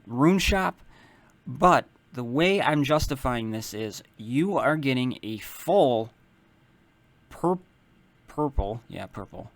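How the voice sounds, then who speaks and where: A man talks through a game character setup in a loose, explanatory way, often stopping to correct his own wording. His voice sits at an ordinary middle pitch. It is recorded dry and close, with no room sound. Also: dry recording. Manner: relaxed, explanatory, starts many lines with "so"; self-correcting, loose phrasing. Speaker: mobile game guide maker. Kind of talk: casual game strategy walkthrough.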